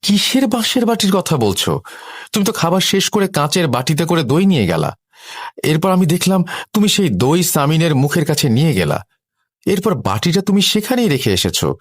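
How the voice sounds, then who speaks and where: A man doing a high, incredulous young sister-in-law. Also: sing-song, normal speed, breathy edge, no echo, studio quality. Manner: incredulous, insistent.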